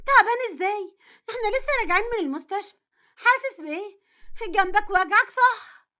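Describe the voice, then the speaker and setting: A woman voicing a lively, stubborn young wife with an Egyptian accent, teasing and emotional, in a storytelling drama. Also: very high-pitched, quick pace. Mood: frantic. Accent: Egyptian Arabic.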